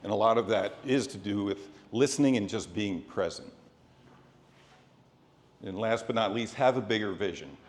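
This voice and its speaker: A man's voice: lowish voice, moderate pace, pauses often. Man giving motivational speech in echoey hall. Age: middle-aged. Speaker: motivational speaker. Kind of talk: prepared motivational speech with a sports theme. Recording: echoey hall with long reverb.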